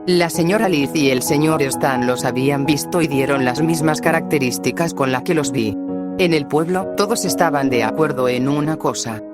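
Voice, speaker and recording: Give me a horror story narrator reading a scripted tale in a measured, deliberate way. A clear background music bed plays under the voice the whole time, and the pitch sits in an ordinary middle range.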